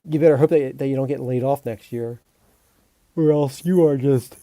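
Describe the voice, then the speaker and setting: Mid-range and mellow, this man's voice moves at normal speed as he streams as a composer and chats with viewers. He meanders and jokes, often restarting and using fillers, with some mild swearing; there's no room sound.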